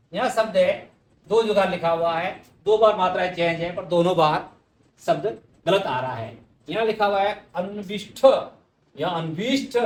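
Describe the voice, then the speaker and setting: Man, teacher, high-pitched, explanatory, roomy echo. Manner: explanatory, addresses students directly. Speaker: Hindi teacher. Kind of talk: exam-prep spelling lesson. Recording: echoey room, mic at a distance.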